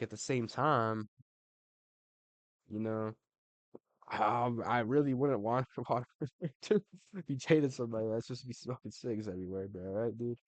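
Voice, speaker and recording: An online commentator ranks fighters in casual, slangy talk, swearing, saying "bro" constantly and laughing between remarks. His voice is fairly low, with no room sound.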